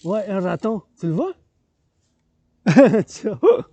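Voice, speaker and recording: A man with a Québécois French accent, rambling excitedly while walking outdoors and filming a vlog, mixing French and English. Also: high-pitched, takes it slowly. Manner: loose and excitable, switches between French and English. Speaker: vlogger. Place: outdoors on a mountain path.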